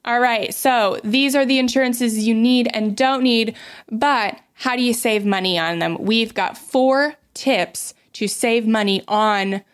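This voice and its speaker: A woman's voice: on the high side, a little slow, clean tone. A woman co-hosting a podcast in casual chat, talking with many fillers and acting out quoted exchanges. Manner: conversational, many "um"s, acts out quoted dialogue. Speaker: podcast co-host. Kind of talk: casual chat about personal finance.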